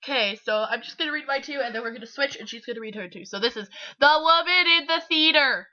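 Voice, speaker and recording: Stuffed-up sick woman doing a goofy dramatic read, bright cutting voice, kinda muffled lo-fi audio. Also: fairly high pitch, racing. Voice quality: congested, stuffy. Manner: giggly, mock-dramatic. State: sick with a clogged nose. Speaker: channel host. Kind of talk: dramatic comic story reading. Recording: muffled lo-fi home recording.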